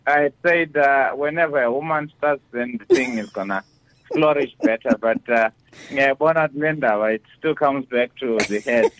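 A man from Zimbabwe in his thirties with a Zimbabwean accent, speaking as a relaxed, good-humoured guest on a radio talk show. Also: medium pitch, normal speed, poor audio. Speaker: married guest. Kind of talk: casual radio interview.

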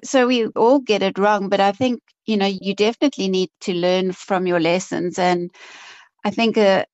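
A woman's voice: medium pitch, steady tone, moderate pace, darkish tone, highs cut off. A woman from Africa, an investment professional answering interview questions in a chatty way. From South Africa. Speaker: guest, chief investment officer.

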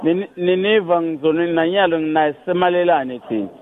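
High-pitched South African man on phone. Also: fast. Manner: questioning. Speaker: prank call victim. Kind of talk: phone conversation. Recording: dull phone line, voices behind.

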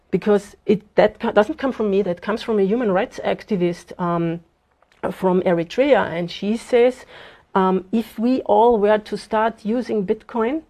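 A woman in her fifties, from Austria, talks through an interview with earnest, steady thought, pausing on fillers as she goes. Her voice has a mellow, darker tone, set at an ordinary pitch for a woman. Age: 50s. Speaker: guest, bitcoin advocate. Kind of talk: casual interview talk.

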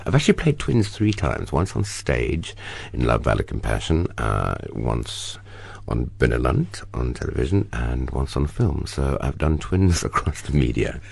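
Here a guest on an interview, a middle-aged actor from South Africa, recounts stories in a lively, expressive way with animated bursts. The voice is rumbling and low, creaky and husky.

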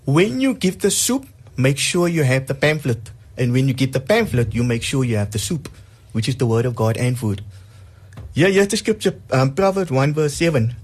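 A man's voice: medium pitch, lively intonation, moderate pace, a little mellow, husky. A man with a South African accent giving casual devotional talk, earnest and emphatic, repeating words to drive his point home.

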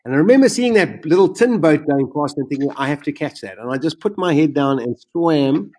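Man, storytelling, animated delivery, fairly high voice, voice leaps up when excited. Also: a little fast. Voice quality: self-described macabre sense of humor. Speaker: guest telling his survival story. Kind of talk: storytelling in conversation.

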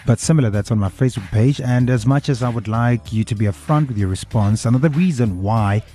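Bright-voiced South African male radio host. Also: medium pitch, a little fast. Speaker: radio talk show host. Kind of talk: conversational radio presenting, switching between English and Afrikaans. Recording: music bed behind voice. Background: background music.

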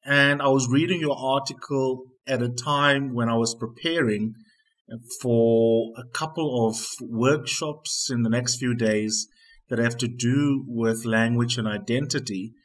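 A man with a South African accent, a native Afrikaans speaker, interviewing in a measured, articulate and deliberate way with a husky voice. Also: mid-range voice, fairly even intonation. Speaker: broadcaster, interviewer. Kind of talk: interview questioning.

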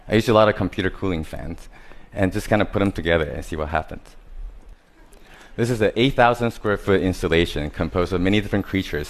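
Deep-voiced man giving a talk. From Taiwan. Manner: simple, listing phrases, non-native grammar. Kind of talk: prepared stage talk.

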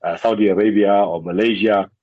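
Husky South African Indian man, radio guest. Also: fairly low pitch, fairly even intonation, fairly quick, a little mellow, no room sound. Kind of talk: conversational radio interview. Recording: dull, lo-fi radio link.

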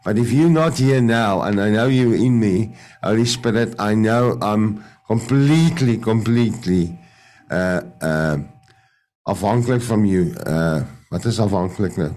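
Speaking over a video call with an Afrikaans accent, a man gives his testimony of faith; he works as a radio presenter. His voice is on the low side and darkish, and he frequently stops, restarts, and searches for the right English words.

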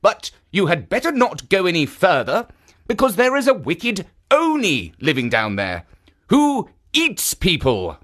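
A reader doing a gentle, lifted stone guardian. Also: medium pitch, wildly swooping pitch, unhurried, voice pushed up, exaggerated voice. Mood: earnest. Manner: gentle, earnest warning. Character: kindly protective stone statue deity.

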